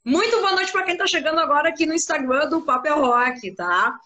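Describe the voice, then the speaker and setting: A woman with a gaúcho accent from southern Brazil, hosting a live online interview and talking lively with her guest and listeners. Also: high voice, brisk, muffled recording. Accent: gaúcho (Rio Grande do Sul). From Rio Grande do Sul. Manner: lively, talkative, addresses listeners. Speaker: host.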